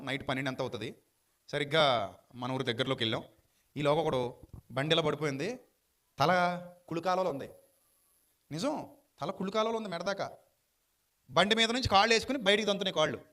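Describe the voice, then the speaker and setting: A man preaching a sermon, telling stories with many rhetorical questions and acting out the people in them. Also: on the high side. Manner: animated storytelling, rhetorical questions, acts out drunkards and dialogue.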